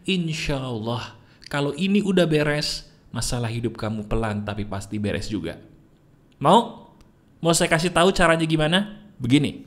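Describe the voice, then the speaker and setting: A man giving a motivational talk, teasing and questioning the listener constantly. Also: mid-range voice. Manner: animated, keeps firing questions at the listener. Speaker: motivational speaker.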